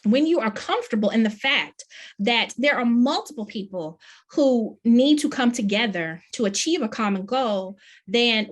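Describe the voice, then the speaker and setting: Earnest woman giving a keynote. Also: a little high. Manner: earnest, questioning, emphatic. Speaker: plenary speaker, professor. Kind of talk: conference keynote address.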